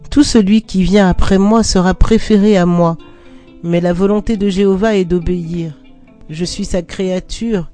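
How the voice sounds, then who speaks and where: A reader voicing a solemn, humble male desert prophet in a grave, measured storybook reading, with faint guitar behind. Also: medium pitch, dark tone, natural voice.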